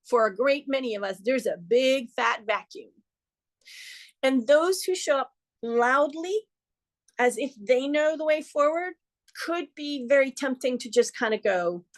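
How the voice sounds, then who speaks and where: A middle-aged woman hosts an astrology forecast in a somewhat high voice. She talks earnestly and conversationally, slipping in playful asides. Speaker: astrologer host.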